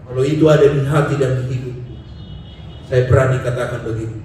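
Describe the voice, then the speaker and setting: A male pastor giving an impassioned sermon, swinging between soft passages and shouting. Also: mid-range voice, steady tone, fairly quick, a little hiss or hum. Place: church sanctuary. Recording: very echoey, from far off the mic.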